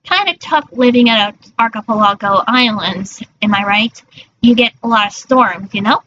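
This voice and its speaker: A woman's voice: fairly high pitch, moderate pace. A woman chatting casually on a livestream in a cute, girlish anime-streamer manner, often stumbling over her words. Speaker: streamer, virtual character persona. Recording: dull lo-fi mic with faint noise.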